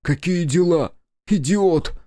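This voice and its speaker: A man's voice: mid-range voice, moderate pace, mellow, no room sound, clean studio sound, close to an everyday voice. A man voicing an anguished, angry young man in an audiobook. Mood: furious.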